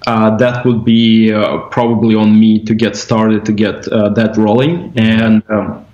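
A man with a Russian accent, a company executive being interviewed, talking casually with many pauses and restarts. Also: fairly low pitch, level tone, a little mellow. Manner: hesitant, many uh fillers and restarts. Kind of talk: casual interview over a video call. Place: at home in an indoor room. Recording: dull, echoey room sound.

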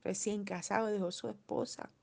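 A woman's voice: medium pitch, fairly even intonation, normal speed, gravelly. A woman preaching a sermon, telling stories with frequent filler words.

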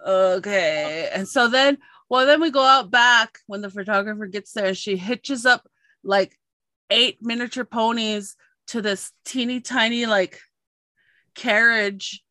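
Animated woman telling a story. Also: a little high, a little slow, no room sound. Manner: animated storyteller, acts out quoted voices. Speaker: podcast host and journalist. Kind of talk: casual storytelling chat.

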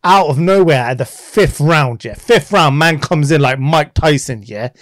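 A man's voice: fairly high pitch, a little slow, no echo, studio quality. A young man with a southern English urban slang accent, bantering casually and telling boastful, laddish stories full of bro talk.

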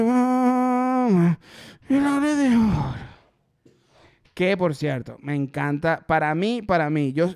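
A comedian from Maracaibo talking in a casual, joking way, with a Maracaibo Venezuelan Spanish accent and lots of swearing. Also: male voice, sits high, dry recording, studio quality. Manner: animated, joking, swears freely. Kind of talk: casual comic chat.

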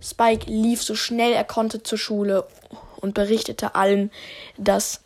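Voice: medium pitch, level tone, slow pace. Eine junge Stimme erzählt locker und etwas stockend eine improvisierte Geschichte und moderiert die Folge. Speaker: narrator and host. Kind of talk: improvised story narration.

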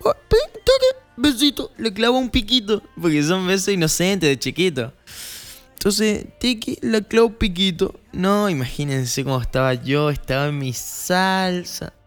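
A young man with an Argentine Spanish accent tells a personal story in a casual, animated way, his voice leaping upward as he acts out each moment. His voice is smooth and clear and sits a little high. Faint music plays underneath. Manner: animated, acts out scenes with rising pitch.

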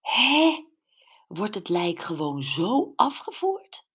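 A woman reading a startled, disbelieving friend in a raised, higher voice, in an audiobook. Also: very animated, a little slow, darkish tone. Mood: incredulous.

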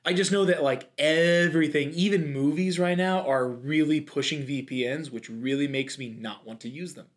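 A man co-hosting a podcast, chatting casually and airing opinions with lively asides. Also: on the high side. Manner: animated, opinionated, quick asides. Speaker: podcast co-host. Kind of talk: casual chat.

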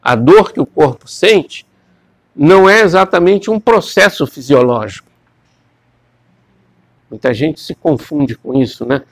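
A man's voice: on the high side, animated, measured pace, gravelly, long pauses, dry recording. A man giving a classroom lecture, rambling and repeating words as he questions his students.

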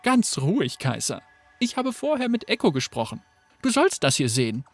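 A woman's voice: on the low side, big pitch swings, moderate pace, husky, faint music behind, full character voice. A woman voicing a battle-hungry female fighter in a video game, who sounds cheerful while saying menacing things. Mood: calm.

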